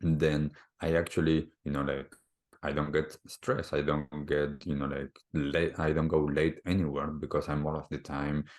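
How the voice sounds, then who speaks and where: A man's voice: extremely low pitch, level tone, moderate pace. A man from Argentina, a wellbeing coach, talking reflectively as a podcast guest, with many "you know, like" fillers. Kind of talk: reflective conversational talk.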